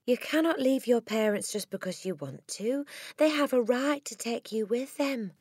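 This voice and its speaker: A woman reading an audiobook voices a kind young woman teacher, speaking softly and gently, at times in a whisper. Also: a little high, animated, moderate pace, breathy edge, no echo, studio quality, pitched above the performer's own voice. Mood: soft, gentle. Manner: soft, gentle, often whispered.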